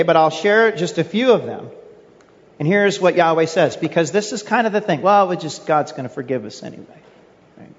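A man's voice: high voice, in a large hall, lo-fi sound. A male pastor preaching a sermon in an earnest way, asking his listeners rhetorical questions. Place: church sanctuary.

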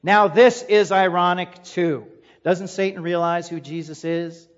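A pastor preaches emphatically, posing rhetorical questions and coming back to a refrain, his voice high for a man and a little slow. The dull, lo-fi recording echoes with a long reverb.

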